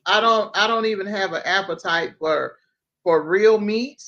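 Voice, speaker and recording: A woman's voice: medium pitch, unhurried, fairly bright tone. A woman hosting a casual livestream over a video call, chatty, running through lists of things at an easy pace. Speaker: host. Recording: dull lo-fi stream audio.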